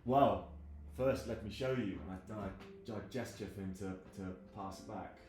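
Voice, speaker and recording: Playful low-voiced man playing a tabletop game. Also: normal speed, roomy sound, noisy background. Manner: playful, describes his character's actions. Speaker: player. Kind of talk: tabletop role-play.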